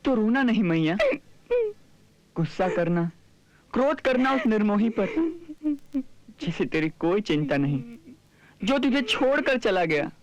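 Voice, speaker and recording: A calm wise young god. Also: male voice, high voice, measured pace, pauses often, no room sound. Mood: tearful. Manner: gentle, sermon-like counsel. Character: calm wise young divine son consoling his mother. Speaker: actor in a TV drama. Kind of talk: devotional TV drama acting.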